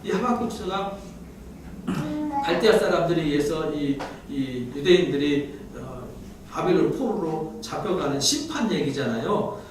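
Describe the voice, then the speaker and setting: A male pastor preaches in a casual, talking style and keeps asking his congregation questions. His voice sits high for a man. It rings through a very echoey church sanctuary and is picked up from some distance. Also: animated, measured pace, slight background noise. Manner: leads the congregation in reading scripture aloud. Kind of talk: Sunday sermon.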